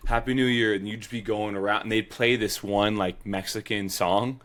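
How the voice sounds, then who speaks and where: A young man co-hosting a podcast, telling stories in an easygoing, animated way with casual swearing. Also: on the low side, moderate pace. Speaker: podcast co-host. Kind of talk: casual chat.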